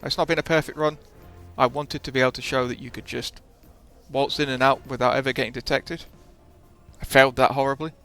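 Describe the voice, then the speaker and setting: A man's voice: mid-range voice, fairly even intonation, a little fast, a bit bright, faint music behind. A man hosting a gaming video with casual commentary, often hesitating and correcting himself as he explains.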